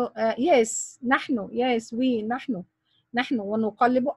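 A woman's voice: sits high, husky, no echo. A woman teaching grammar in English, quizzing her students with repeated questions. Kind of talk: online grammar lesson.

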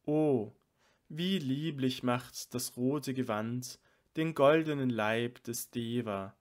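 A man's voice: medium pitch, slow pace, lightly acted. A man reading the part of a tearful, devoted male sage overcome with love, in a reverent, slightly raised voice.

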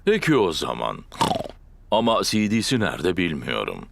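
A man's voice: deep voice, wildly swooping pitch, a little slow, creaky, heavily acted. A man voicing a jolly, overconfident father pig in a children's cartoon, pompous but good-natured. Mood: self-satisfied. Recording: music behind the voice.

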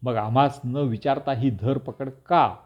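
A man voicing a defiant middle-aged village headman who speaks out loudly and forcefully, on a dull lo-fi recording. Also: mid-range voice, unhurried, lightly acted. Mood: indignant. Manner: loud, forceful, indignant outbursts.

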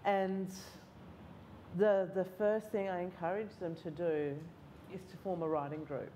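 On stage in a large hall, she speaks at a measured pace with a warm, low-leaning voice and fairly even intonation. The forty-something Australian-accented writing lecturer, whose first language is Mauritian Creole or Italian, tells candid, self-mocking stories in a panel discussion at a festival. The sound is lo-fi with slight background noise.

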